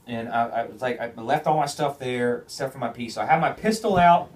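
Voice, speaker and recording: Excitable swearing man telling a story. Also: mid-range voice, fairly quick, recorded from a distance. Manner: animated, swears often, repeats and restarts phrases. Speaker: podcast host. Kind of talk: casual storytelling chat.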